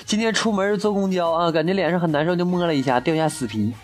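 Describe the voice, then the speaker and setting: A man's voice: on the high side, quick pace. A man casually telling a string of jokes, acting out the quoted lines and laughing at his own punchlines. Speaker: joke teller. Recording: faint music behind.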